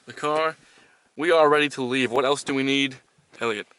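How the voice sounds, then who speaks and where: Guy doing a fake how-to in a car, bright sharp voice, sounds kinda far from the mic. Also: mid-range voice, moderate pace, smooth. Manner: deadpan mock-instructional. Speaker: host. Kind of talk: mock tutorial comedy. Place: inside a car.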